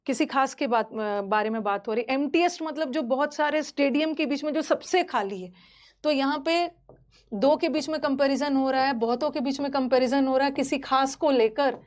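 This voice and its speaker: A woman teaches English grammar, mixing Hindi and English as she goes. Her voice sits high and she speaks in a lively, teacherly way, repeating key points for her students.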